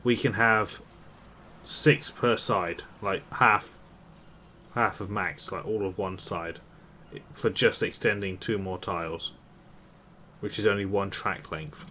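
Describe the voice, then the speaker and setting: A man's voice: on the low side, steady tone, slow pace, pauses often, sharp tone. A man streaming a multiplayer game with casual commentary, upbeat when he thanks viewers. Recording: clear background noise.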